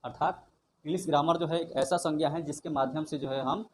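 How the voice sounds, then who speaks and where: A man with a fairly high, steady voice teaches English grammar in a slow, classroom-style lesson, though his pace is quick. He drills each word by spelling it out letter by letter, then repeats questions and answers them himself. The low-quality recording has faint background noise.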